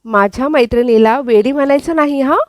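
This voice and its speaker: A woman's voice: high-pitched, brisk, no room sound, studio quality, voice pushed up, lightly acted. A woman voicing a playful, teasing young man in a retold serial scene. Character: young man, teasing, gently mocking hero. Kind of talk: recounted serial dialogue.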